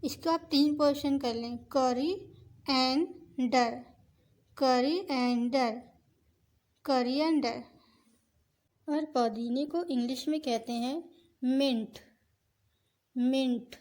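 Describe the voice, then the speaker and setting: High-voiced lady teaching words, says each one slow and careful, repeats it a few times. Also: warm tone. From Pakistan. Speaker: language teacher. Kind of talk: vocabulary lesson with repeated words.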